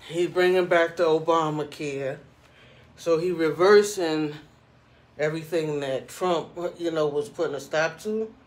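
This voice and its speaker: A middle-aged man talks in a slightly raised pitch at an unhurried, slow pace. He rambles casually like a vlogger giving his take, using loose street slang and repeated conversational check-ins. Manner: informal street slang, repeats "you know what I'm saying".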